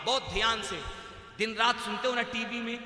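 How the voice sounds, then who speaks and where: A male Islamic preacher, delivering a sermon that swings from quiet talk to shouted, sung exhortation. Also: extremely high pitch, flat delivery, fairly quick. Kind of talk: sermon with chanted verses. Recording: echoey hall, public address.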